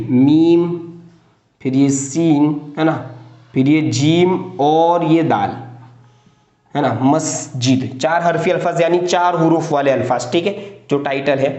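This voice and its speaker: A man's voice: on the high side, darkish tone, echoey room. A man teaching Urdu handwriting step by step, patiently spelling out each word letter by letter and checking in often. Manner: patient, repeats "ठीक है" and "है ना" often.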